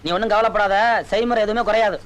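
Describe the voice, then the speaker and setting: An actor playing a brash, boastful village bachelor in a film comedy, bossing people around and scolding them. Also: male voice, sits high, fairly even intonation, quick pace, lightly acted. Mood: bossy.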